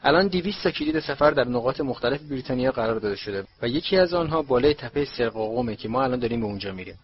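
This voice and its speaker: A man's voice: mid-range voice, lively intonation, slightly rough. A man voicing a kindly middle-aged father who patiently explains things in a storybook reading. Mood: earnest. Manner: earnest, explaining. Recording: dull lo-fi recording.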